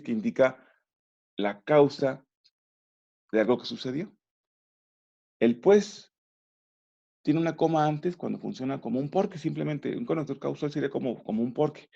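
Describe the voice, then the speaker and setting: A man's voice: mid-range voice, creaky, warm tone. A man who patiently explains grammar rules in a remote lesson, often stopping to check that students follow. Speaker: teacher. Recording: dull lo-fi recording.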